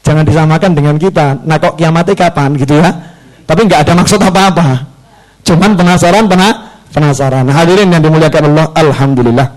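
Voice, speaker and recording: A man preaching a lively Islamic sermon with a Javanese accent, his voice hoarse from a cold, joking and acting out the dialogue in his stories. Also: a little high, a little fast, rough recording. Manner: joking, acts out dialogue in the story.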